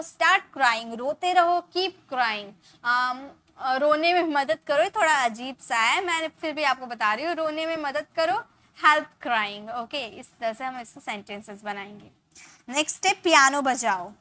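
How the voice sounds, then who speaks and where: A young woman with a high, bright voice and an Indian English accent leads a spoken English lesson. She explains each point step by step, repeats every example sentence and asks her students to answer. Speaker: English teacher.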